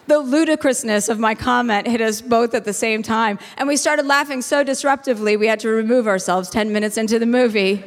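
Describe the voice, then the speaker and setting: A woman hosting a live stage talk, blunt and self-deprecating, quick to joke. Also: a little high, long reverb tail. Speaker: host. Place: live venue with an audience.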